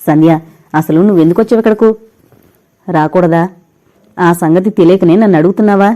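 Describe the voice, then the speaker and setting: A heartbroken young man pours out pained, bitter words, begging his lost love to leave him. A woman reads him in an audio novel. The voice stays mellow and warm. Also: lowish voice, a little fast, lightly acted. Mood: anguished. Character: heartbroken young man drinking himself to ruin.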